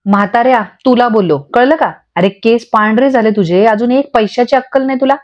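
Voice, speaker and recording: A woman's voice: fairly high pitch, a little fast, darkish tone, close to an everyday voice. A woman voicing an angry young man who answers with cutting, scornful comebacks. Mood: defiant. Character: defiant angry man, sharp-tongued and scornful. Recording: dull lo-fi audio.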